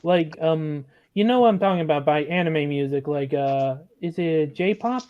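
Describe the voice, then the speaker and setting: A man's voice: on the high side, normal speed. A nineteen-year-old man in a group voice chat, speaking hesitantly with many fillers. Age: young adult. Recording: muffled call audio with faint noise.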